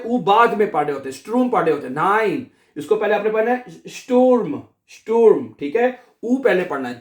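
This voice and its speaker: Guy with teaching, says each word again and again, fairly high voice. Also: darkish tone, echoey room. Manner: repeats each word slowly, asks and answers himself. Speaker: language teacher. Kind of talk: online language lesson.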